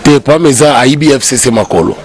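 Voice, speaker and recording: A Congolese man from the DRC speaks quickly in a mid-range voice as a guest commentator in a heated political debate. He is emphatic, repeating key phrases, and his voice climbs whenever he argues a point.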